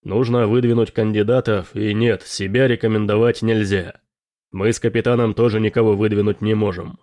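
A man voicing a steady pirate officer who runs a crew vote in a matter-of-fact way. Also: lowish voice, normal speed, dry recording, lightly acted. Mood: announcing.

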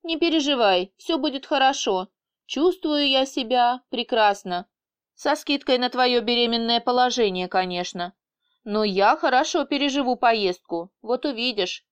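Lady reading smug boss guy, mocking and unflappable, high-ish smooth voice. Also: expressive, normal speed, natural voice. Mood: needling. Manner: teasing, unflappable. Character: calm, mocking male boss in a woman's body.

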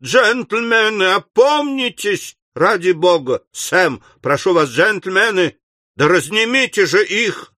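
A man voicing a kindly, flustered older English gentleman who pleads frantically, in an audiobook. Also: sits high, lively intonation, takes it slowly, no room sound, studio quality, pitched above the performer's own voice, full character voice. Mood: pleading.

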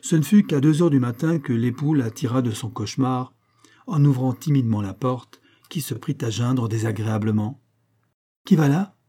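A man reading a classic short story aloud in a measured, expressive way. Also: mid-range voice. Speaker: audiobook narrator. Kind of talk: literary audiobook reading.

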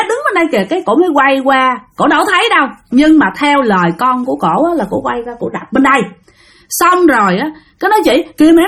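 A woman's voice: fairly high pitch, fairly bright tone, slightly rough. A woman with a Southern Vietnamese accent telling a ghost story in a chatty way, talking straight to her listeners. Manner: chatty, addressing listeners directly, acting out voices.

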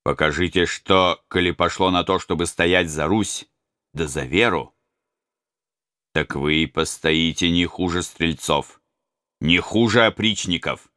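A man's voice: deep voice, unhurried, sharp tone, no room sound, clean studio sound. A man voicing an earnest young prince in an audiobook, speaking solemnly to rally his men. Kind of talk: audiobook reading.

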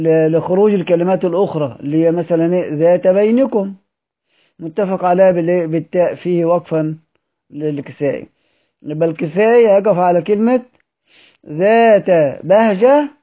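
A man with an Egyptian accent teaching a study circle, quizzing his students and answering his own questions. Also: a little high. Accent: Egyptian Arabic. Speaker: Quran recitation teacher. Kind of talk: recorded study-circle lesson. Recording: dull lo-fi audio recording.

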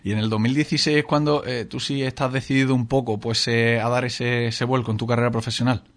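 A man hosts a radio interview. His voice sits at an ordinary middle pitch, and his delivery is measured, with frequent filler sounds between phrases. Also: flat delivery. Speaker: radio host.

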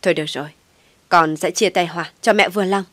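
Brief: woman reading as a pleading young man in a storybook, soft coaxing, low dry voice. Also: fast talker, no room sound, natural voice.

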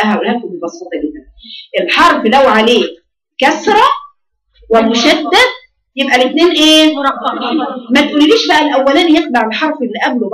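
A woman with an Egyptian accent teaching a tajweed class, scolding and drilling her students on sounds. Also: fairly high pitch. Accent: Egyptian Arabic. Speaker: Quran recitation teacher. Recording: roomy echo, voice from far off.

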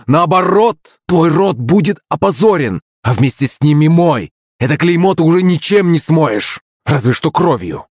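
A man voicing a sharp-tongued, imperious middle-aged princess in an audiobook, speaking in a cold, cutting, scolding tone. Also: low voice, animated, normal speed, husky, no echo, clean studio sound. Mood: scornful. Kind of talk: audiobook character voice.

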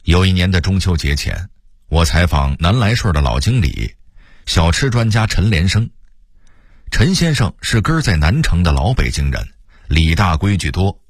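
A man in his sixties from Beijing with a Beijing accent, telling a story in a relaxed, chatty way for radio. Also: deep voice, normal speed, slightly rough, dry recording, clean studio sound.

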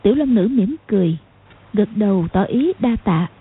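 A woman narrating an audiobook in a steady storytelling manner. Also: mid-range voice, normal speed, breathy edge, narrow, tinny audio. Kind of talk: scripted narration.

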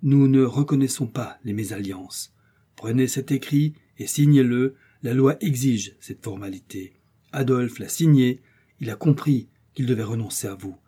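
A man's voice: medium pitch, moderate pace, breathy edge, close to an everyday voice. A man reading a stern, haughty old uncle. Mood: severe. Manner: calm but severe, haughty. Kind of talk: audiobook character reading.

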